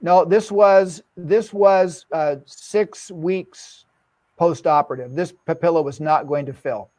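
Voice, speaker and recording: A man's voice: a little high, takes it slowly, darkish tone, dry recording. A man giving an enthusiastic online dental lecture, quizzing his audience with repeated questions.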